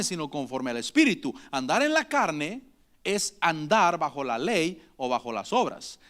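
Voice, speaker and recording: A male pastor preaching a sermon, calling on the congregation and dropping to a hush for acted prayers. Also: sits high. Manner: animated preaching with calls to the congregation; drops to a hushed voice for acted prayers.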